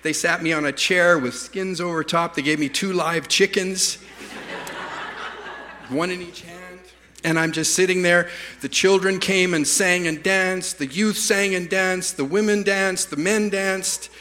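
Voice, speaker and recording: Man, pastor, storytelling sermon, bright tense voice, echoing hall. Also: high voice, fairly even intonation, a little slow, slight background noise. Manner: rambling anecdotes, stammering restarts, self-deprecating humor. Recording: reverberant church hall.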